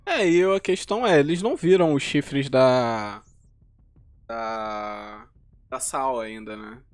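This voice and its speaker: A man's voice: mid-range voice, slow pace, dry recording. A man with a Brazilian accent, the host, giving casual, slangy commentary between passages of a story reading and thinking aloud with fillers. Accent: Brazilian Portuguese. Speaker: host reacting to a novel reading.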